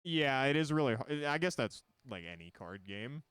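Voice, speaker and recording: A man's voice: mid-range voice, big pitch swings, moderate pace, a bit bright, clean tone, dry recording, clean studio sound. A man streaming a card game, explaining it in loose, rambling casual talk full of fillers.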